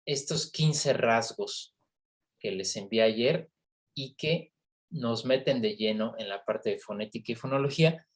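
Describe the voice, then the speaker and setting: A man's voice: mid-range voice, measured pace. A man giving an online university lecture on phonetics, explaining patiently and checking in with frequent tag questions.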